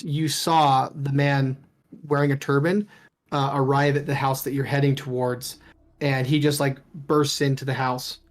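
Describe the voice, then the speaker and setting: A man narrating as game master of a tabletop game, in a casual, rambling way. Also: fairly high pitch. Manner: casual, rambling, with many fillers.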